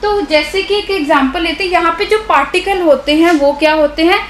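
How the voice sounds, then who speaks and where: A woman's voice: very high voice, brisk, echoey room, a little hiss or hum, low-quality recording. A woman teaching a science class who keeps checking that her students follow along with questions to the class, speaking with a Hindi accent. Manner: explanatory, keeps checking understanding with rhetorical questions. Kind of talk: live online doubt-clearing class.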